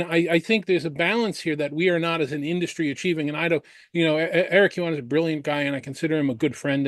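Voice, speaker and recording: A man's voice: on the high side, no echo. A man debating on an analyst panel, laying out his points one by one with frequent restarts.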